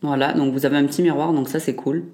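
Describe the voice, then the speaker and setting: Low-voiced casual French beauty vlogger woman. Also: steady tone, fast talker, warm tone. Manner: chatty, frequent "euh" fillers and self-corrections. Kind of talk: casual makeup review.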